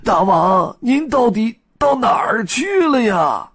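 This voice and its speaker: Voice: mid-range voice, lively intonation, slow, breathy edge, voice pushed up. A storyteller voicing a fawning old male monkey chancellor who wails and pleads. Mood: lamenting. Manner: wailing, pleading.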